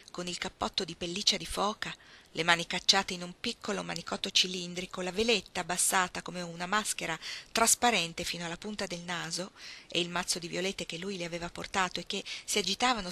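Woman narrating a literary audiobook; bright, clear voice, measured, expressive pacing. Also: on the low side. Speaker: reader. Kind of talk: audiobook reading of a novel.

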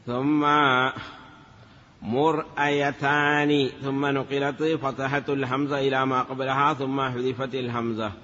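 A man teaching classical grammar. He drills word forms slowly, chants some of them, then explains them quickly, often adding a confirming "yes.". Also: mid-range voice, flat delivery, fairly bright tone. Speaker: teacher of Arabic morphology. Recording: dull lo-fi recording with a long hall reverb.

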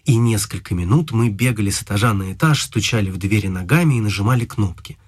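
A man narrating a children's story in an even, storytelling manner. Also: fairly low pitch, fast, slightly rough, no echo, clean studio sound. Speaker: audiobook narrator. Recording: guitar music behind.

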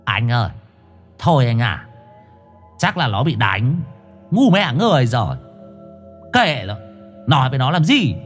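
A man's voice: medium pitch, very animated, unhurried, pauses often, faint music behind. A man voicing a weary caged dog that complains coarsely. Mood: dismissive.

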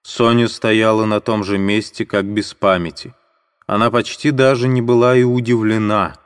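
A man narrating a literary audiobook in a measured, dramatic storytelling manner. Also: lowish voice, flat delivery, smooth, in a large hall.

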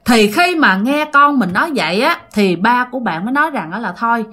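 Lively-voiced woman storyteller. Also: fairly high pitch, fairly quick. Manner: chatty, addresses listeners directly. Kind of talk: casual ghost story narration.

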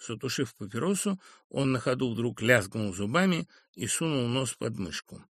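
A man narrating a literary audiobook in a measured, expressive storytelling manner. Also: mid-range voice, slightly rough, no echo, studio quality.

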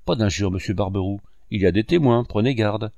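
A man's voice: on the low side, brisk, gravelly, dry recording, studio quality. A man reading an unflappable, dismissive junk dealer in a classic novel. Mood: cool. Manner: calm, dismissive.

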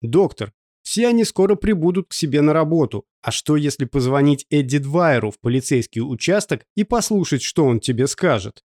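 A man voicing a frightened male kitchen worker with a hoarse voice, raised in pitch. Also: very animated, a little fast, darkish tone, no room sound, clean studio sound. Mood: anxious.

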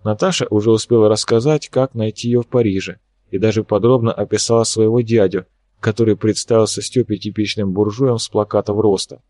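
A man reading an audiobook, narrating in an even, measured way. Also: on the low side, no room sound. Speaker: audiobook reader.

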